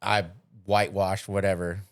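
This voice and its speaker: An American podcast host rambles loosely through casual chat, swearing plenty and laughing often. His low voice moves little in pitch, and he talks at a moderate pace.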